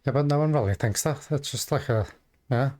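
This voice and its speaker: A man reacts to videos in a casual, unscripted way. His mid-pitched voice moves along haltingly and rambles from thought to thought, as a host thinking out loud would. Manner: hesitant, halting, rambling delivery. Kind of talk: casual off-the-cuff commentary.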